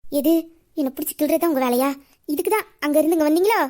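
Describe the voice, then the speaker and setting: A woman playing a feisty, high-voiced office girl. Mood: irritated. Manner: quick, sharp and exasperated. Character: feisty young female office worker. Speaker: young female office staffer. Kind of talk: Tamil audio drama acting.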